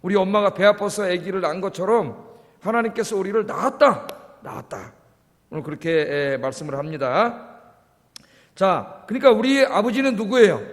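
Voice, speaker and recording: Middle-aged male pastor, slightly high voice, casual sermon delivery with frequent quick asides to the congregation, long church reverb. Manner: conversational, keeps prompting the congregation with quick asides. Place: church sanctuary.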